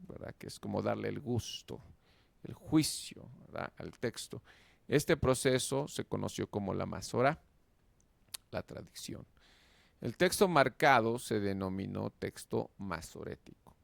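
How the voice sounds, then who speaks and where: A man giving a slow lecture on Biblical Hebrew, explaining step by step and often checking in with "¿verdad?". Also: medium pitch, creaky, no room sound. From Mexico. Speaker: Hebrew teacher.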